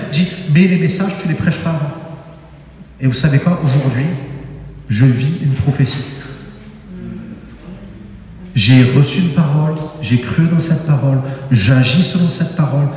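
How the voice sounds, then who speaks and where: A fairly high-voiced man preaches with animated, emphatic energy, his voice leaping up as he exclaims. The recording is very echoey, with the long reverb of a large church hall around him. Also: normal speed. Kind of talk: sermon.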